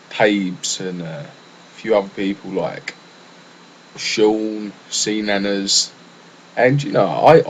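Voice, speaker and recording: Casual solo podcaster: young English man, lowish voice, loose, rambling delivery with lots of fillers. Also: slight background noise, low-quality recording. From England. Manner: rambling, chatty, with frequent fillers and restarts. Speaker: gaming podcaster.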